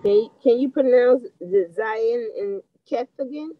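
A woman student with a fairly high voice asks her teacher a question over a dull, muffled line. The sound is dry, with no room around it. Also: a little slow, no echo. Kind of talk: asking in class.

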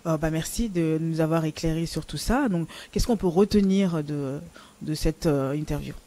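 A man's voice: a little high, normal speed, dark tone. A man hosting a TV health show, who echoes the guest's advice and sums it up for viewers. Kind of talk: TV health interview.

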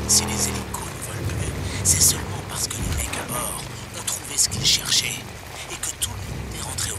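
Game dub: a gravelly, lively pirate radio agitator, heard as a noisy far-off broadcast. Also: male voice, lowish voice. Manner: rousing, conspiratorial, defiant. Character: fiery middle-aged male conspiracy radio preacher. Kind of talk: dubbed video game acting.

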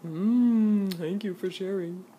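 This woman's voice is mid-range and warm, her pace slow, with slight background noise. Filming on a phone from off camera in a home kitchen, she hosts a cooking video with playful, exaggerated mock-TV-host banter that teases as it goes.

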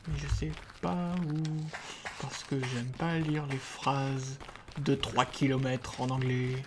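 A man hosting a let's play, chatting casually as he plays and haltingly reading game text aloud with jokes. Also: medium pitch, flat delivery, background noise. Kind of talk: casual gameplay commentary.

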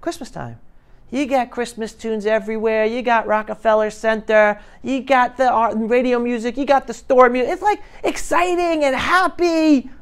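A middle-aged guest speaker from New York City gives high school students an impassioned, animated motivational talk in a classroom, his delivery emphatic and swinging between loud and hushed. His very high voice is smooth and moves at a moderate pace. He's recorded indoors on a lapel mic.

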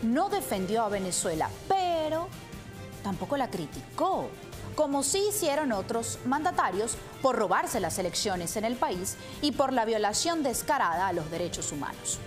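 Woman news anchor, thirties, animated rising and falling delivery, emphatic, studio lapel mic, faint music underneath. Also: a little high, moderate pace. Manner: emphatic, gestures while speaking. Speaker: news presenter. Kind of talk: news report with commentary.

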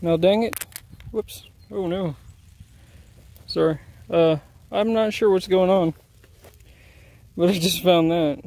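A man with a somewhat high, gravelly voice talks casually as he walks a crop field. He rambles in an easygoing, self-deprecating way. The sound comes from a handheld camera outdoors. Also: steady tone, slow pace, long pauses, darkish tone. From Indiana. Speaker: arrowhead hunter filming his finds. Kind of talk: casual outdoor vlog narration. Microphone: handheld camera mic.

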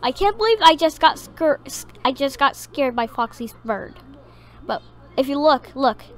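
A woman's voice: high voice, very animated, normal speed. A woman giving casual, rambling gameplay commentary, hesitating with many ums. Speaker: gaming video creator.

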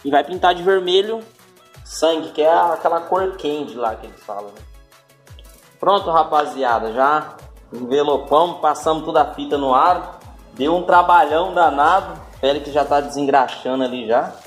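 A man's voice: a little high, moderate pace, soft background music. Laid-back Brazilian man hosting a vlog. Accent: Brazilian Portuguese. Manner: laid-back, slangy, keeps addressing the viewers. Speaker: channel host. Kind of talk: casual chat.

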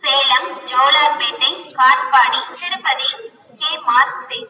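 A woman making a railway station announcement, built from pre-recorded words spliced together, with uneven jumps in pitch and loudness between words. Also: rapid-fire. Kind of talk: public address announcement. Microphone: played over a public address loudspeaker. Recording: echoey station loudspeaker from far off.

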